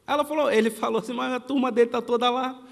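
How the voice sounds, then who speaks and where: A man's voice: very high voice, fairly even intonation, fast talker, vocal fry, in a large hall. A man with a Brazilian Portuguese accent preaching a sermon, telling a childhood story and acting out the family's lines. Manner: storytelling, acts out quoted family dialogue. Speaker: pastor. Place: church.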